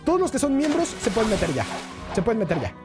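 Excitable streamer woman. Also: a little high, quick pace, music in the background. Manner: excitable, chatty, talks to chat. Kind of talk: live gameplay streaming.

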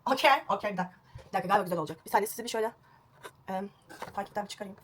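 A woman's voice: medium pitch, very fast, a bit bright, a little hiss or hum. A young woman vlogging a home haircut, chatty and self-mocking, recorded on a phone at home. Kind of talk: casual home haircut vlog. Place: at home indoors.

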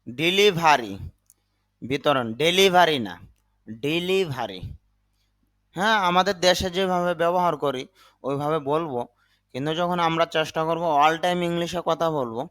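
A man teaching English vocabulary, saying each word slowly, sometimes twice, then giving its meaning. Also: fairly high pitch, fairly bright tone. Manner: repeats words slowly, then gives the meaning. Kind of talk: slow vocabulary lesson.

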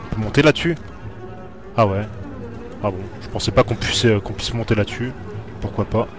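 A man's voice: on the low side, fairly quick, noisy background. A man playing a horror video game and commenting live for viewers, jumpy and talking to the screen. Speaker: let's play gamer.

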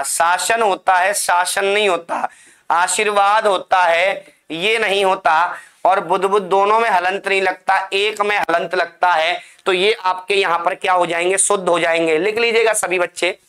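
A man's voice: high-pitched, pushed and bright. A male teacher giving a classroom spelling lesson, drilling and repeating words for his students. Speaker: Hindi teacher.

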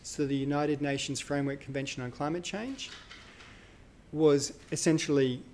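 A man's voice: a little high, fairly even intonation, moderate pace, darkish tone, slight background noise. Man lecturing casually in a hall. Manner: conversational, thinks aloud with fillers and self-corrections. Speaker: university lecturer. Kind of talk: live university lecture.

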